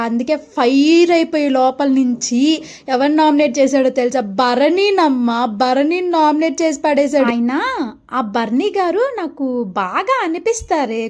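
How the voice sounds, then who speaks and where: A woman with a high voice plays a mother in her own comedy skit. She chats and gossips, then scolds and threatens her daughter loudly. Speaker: comic sketch creator.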